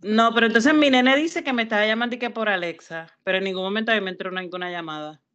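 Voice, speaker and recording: A woman's voice: medium pitch, quick pace, highs cut off. A woman, co-hosting a casual podcast chat and acting out her family's lines as she tells stories. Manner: animated storyteller, acts out family members' voices. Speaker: podcast co-host.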